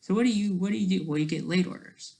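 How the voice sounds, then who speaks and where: The voice is mid-range, gravelly, and dark in tone: a solo online commentator musing aloud over study notes. Their talk wanders, halts frequently, and leans informal and self-deprecating.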